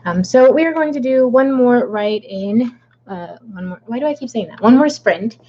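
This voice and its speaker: A woman's voice: a little high, animated, normal speed. A woman chats at her desk on a home livestream, rambling and playful, drifting in and out of a silly put-on accent. The sound is dull and lo-fi, with a faint hum underneath. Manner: chatty, rambling and playful, with a put-on accent she jokes about. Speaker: author hosting a live writing stream. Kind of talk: casual livestream chat.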